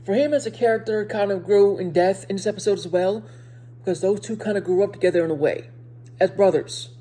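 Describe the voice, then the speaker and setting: Speaking in a mellow, soft-edged voice with a breathy edge, a woman reviews a show casually for her viewers at a mid-range pitch. She has a speech impediment, moving haltingly and frequently circling back to rephrase or repeat. The recording is low quality.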